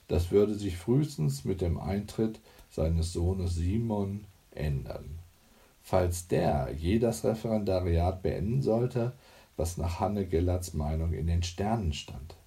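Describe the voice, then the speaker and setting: A man narrates a novel in a measured, wry reading. His voice is low and dark with a gravelly texture, and he takes his time over every phrase. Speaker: audiobook narrator. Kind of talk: scripted narration.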